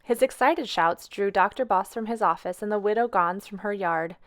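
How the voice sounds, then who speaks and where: Woman reading a storybook aloud. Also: mid-range voice. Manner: gentle, expressive, unhurried. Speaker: storytime reader. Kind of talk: children's storybook read-aloud.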